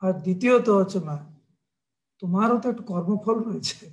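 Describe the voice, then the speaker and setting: Man playing a weepy small boy in a sermon tale, innocent, pleading, high voice. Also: fairly quick. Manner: pleading, naive excuses. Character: frightened tearful little boy, innocent.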